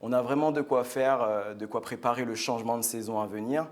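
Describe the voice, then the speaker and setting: A man of ordinary, mid-range pitch speaks earnestly in a TV studio. His delivery is chatty and enthusiastic, full of small fillers and restarts. He sounds like a guest sharing personal testimony. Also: fairly even intonation, brisk. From French Guiana. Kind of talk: product presentation on a live show.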